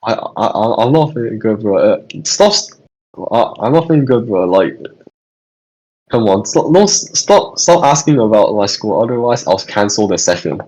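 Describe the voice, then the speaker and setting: Young male student tutor, husky voice, casual and hesitant, repeats himself while answering chat. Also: lowish voice, big pitch swings, moderate pace, darkish tone, low-quality recording. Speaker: student tutor hosting a revision session.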